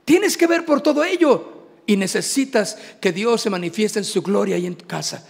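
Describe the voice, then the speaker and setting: A middle-aged man, preaching an animated sermon as pastor to his congregation. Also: high-pitched, normal speed, gravelly. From Mexico. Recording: long hall reverb.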